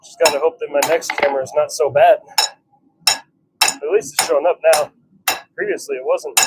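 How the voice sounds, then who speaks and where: Amid heavy background noise in a blacksmith workshop with a forge, a man with a fairly high voice livestreams himself forging knives. He speaks at a moderate pace in a steady tone, muttering short, wry remarks to himself and his viewers as running commentary while he works.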